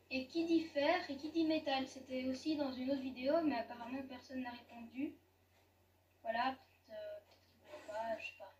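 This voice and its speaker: A woman with a high voice chats through her gameplay, giggling and stopping to correct herself as she goes. She sits some way from the mic in an echoey room. A faint hiss runs underneath. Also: distant mic, dull audio. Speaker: gaming YouTuber. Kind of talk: casual gameplay commentary.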